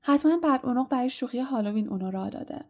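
A woman's voice: high-pitched, lively intonation. A woman voicing a nervous, grumbling eleven-year-old boy in a storybook reading. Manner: grumbling, reluctant.

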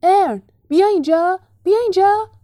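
A woman voicing an excitable young male bus conductor who shouts with excitement, in a storybook reading. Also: extremely high pitch, no echo, clean studio sound, voice pushed up. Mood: calling out.

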